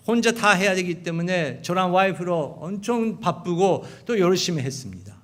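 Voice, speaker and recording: A middle-aged man with a Japanese accent, a pastor preaching a sermon in an animated storytelling manner. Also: sits high. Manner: animated storytelling, acting out quotes of wife and sons. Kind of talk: sermon with acted family stories.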